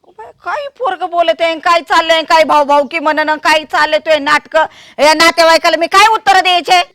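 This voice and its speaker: A woman's voice: extremely high pitch, a little fast, fairly bright tone. A woman playing an older exasperated village mother who scolds and wails in a comedy sketch. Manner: scolding, wailing exclamations.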